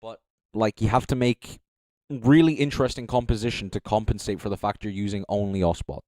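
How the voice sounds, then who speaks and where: Young man, low-pitched, dry close sound, casual streamer, rambling, swearing, self-correcting. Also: steady tone, fairly quick, darkish tone, dry recording. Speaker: streamer judging beatbox entries. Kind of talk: casual live-stream commentary.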